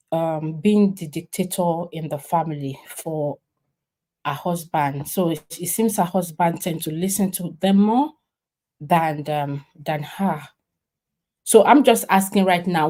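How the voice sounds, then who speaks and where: A woman hosting a casual livestream chat, talking haltingly with many restarts and fillers. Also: lowish voice, warm tone. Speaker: livestream host.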